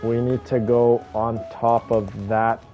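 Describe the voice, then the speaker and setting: Here the streamer's mid-range voice comes out flat and slow, even as his chatter to viewers stays casual and effusive while he plays. Music runs in the background of the dull, band-limited broadcast sound.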